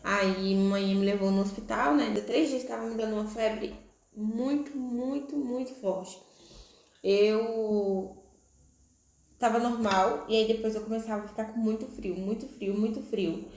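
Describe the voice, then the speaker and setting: Young woman, personal vlog story, flat steady delivery in an echoey room. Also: mid-range voice, moderate pace. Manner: conversational, frequent "né?" tag questions. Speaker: vlogger.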